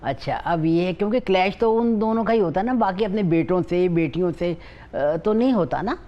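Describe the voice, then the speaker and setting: A woman's voice: fairly low pitch, animated, normal speed, lo-fi sound. Earnest motherly older woman, Pakistani Urdu. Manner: earnest, motherly, repeats herself. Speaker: guest giving family advice. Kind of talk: TV morning show advice talk.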